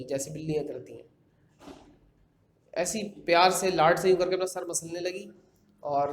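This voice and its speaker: Man, storyteller, casual horror retelling, fairly high voice, conversational fillers, echoey room. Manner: conversational, with fillers and repeated phrases. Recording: echoey room with faint background noise.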